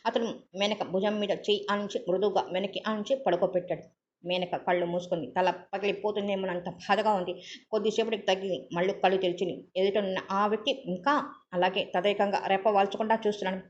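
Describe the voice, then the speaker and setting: A woman reading a novel aloud as a story reader, in a calm, steady storytelling manner. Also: mid-range voice, a little fast. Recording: dull lo-fi audio.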